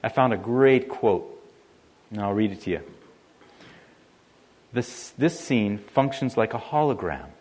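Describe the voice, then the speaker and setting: A man delivers a sermon in a fairly low voice. He preaches conversationally, leaning on some words and easing off on others. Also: expressive, unhurried, long pauses, darkish tone. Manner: conversational preaching with varied emphasis. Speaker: pastor.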